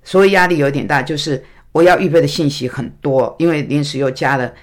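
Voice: medium pitch, brisk. A pastor and teacher giving a recorded talk to a congregation, telling a story with stammered restarts and acted dialogue.

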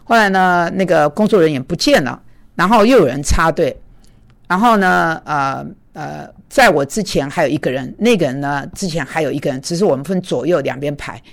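Woman, low voice, casual devotional storytelling, animated, chatty. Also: brisk, gravelly. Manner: animated, chatty, many fillers.

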